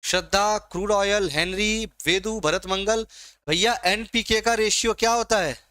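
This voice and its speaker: A man's voice: sits high, fairly even intonation, unhurried, sharp tone, no echo. A man teaching a live online exam-prep class, coaxing and teasing his students by name as he quizzes them.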